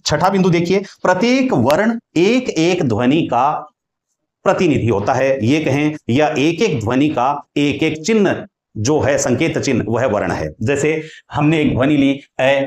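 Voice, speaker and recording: A man's voice: a little high, animated, measured pace, a little mellow, echoey room. A man teaching Hindi grammar in a lecture style, explaining patiently, repeating key points and drawing out sounds as examples while writing on a board.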